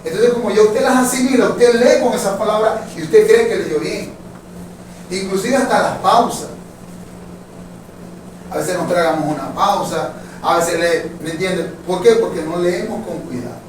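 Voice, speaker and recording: A man's voice: sits high, normal speed. A man teaching a Bible class at church, talking conversationally to his listeners, calling them brothers and checking that they follow. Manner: conversational, addresses listeners as brothers, asks for agreement often. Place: church hall. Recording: very echoey hall, distant mic, faint noise.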